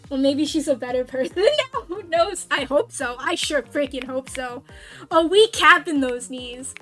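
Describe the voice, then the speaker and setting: A woman streamer talks casually into a desk mic with a high, bright voice. She takes her time, rambling and mocking herself as she plays. Faint music sits behind her. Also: normal speed. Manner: rambling, animated, self-mocking, with sudden cries of frustration. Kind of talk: casual storytelling while gaming.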